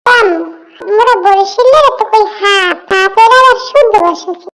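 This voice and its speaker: Talking Ginger, a squeaky boy cat with a Barishal accent. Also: normal speed, a bit bright, soft background music. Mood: curious. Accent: Barishal dialect of Bengali. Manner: chatty, asks question after question. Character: playful young boy cat, curious and cheeky. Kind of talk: comic cartoon dub.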